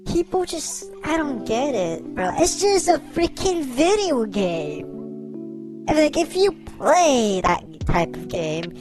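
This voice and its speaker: A woman's voice: sits high, very animated, slow pace, over music. A woman speaking through a voice changer, giving blunt, exasperated, slangy reaction commentary as a host.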